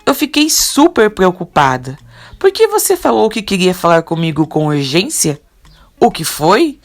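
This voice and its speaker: A woman reading the lines of a guarded young police investigator from a soap opera recap, at an unhurried pace. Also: on the low side, very animated.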